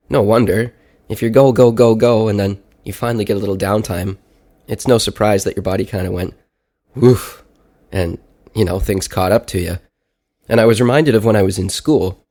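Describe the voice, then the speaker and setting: A man's voice: on the low side, fairly even intonation, brisk, a little mellow. A 30-year-old man, sick and congested, sounding nasal as if his nose were pinched, talking casually in a personal audio diary. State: sick with a stuffy head cold. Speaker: podcast segment host.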